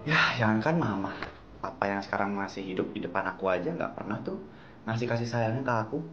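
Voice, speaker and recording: A man's voice: fairly low pitch, a little fast, fairly bright tone, muffled recording, faint music behind, close to an everyday voice. A man playing a neglected teenage son who pleads with his parents for love, wounded and bitter. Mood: hurt. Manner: wounded, pleading, turns accusing.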